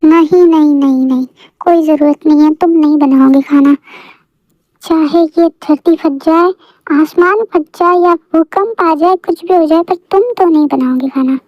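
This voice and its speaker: In a fan audio story, a woman with a high voice plays a bossy, sulky young wife who scolds and teases her husband, sounding pouty and dramatic. She speaks at a measured pace, and the recording is dull, lo-fi, and dry.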